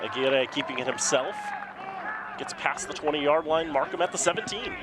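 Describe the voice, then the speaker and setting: Man making an excited football touchdown call. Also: fairly high pitch, moderate pace. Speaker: play-by-play commentator. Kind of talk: live American football commentary. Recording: noisy outdoor stadium with loud crowd. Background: crowd and loud outdoor ambient noise.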